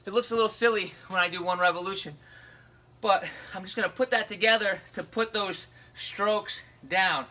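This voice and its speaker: A man's voice: sits high, steady tone, normal speed, pushed and bright, slight background noise. A man giving a casual fitness lesson, explaining step by step and checking in with "right?" and "okay?". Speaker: fitness coach. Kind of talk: casual instructional video.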